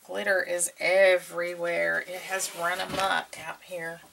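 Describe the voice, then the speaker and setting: Gravelly woman with a sore throat, crafting. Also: on the low side, flat delivery, background noise. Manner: unhurried, murmuring to herself as she works. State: slightly sore throat, clearing it now and then. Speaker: craft tutorial host. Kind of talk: casual hands-on craft tutorial, talking while working.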